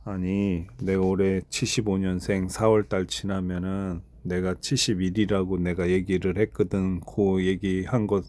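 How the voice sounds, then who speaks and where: A man's voice: low voice, little pitch movement, unhurried, hardly any pauses, darkish tone. A man in his fifties talking casually and bluntly to an AI assistant, scolding it for mistakes. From South Korea. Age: 50s. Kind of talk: casual spoken chat.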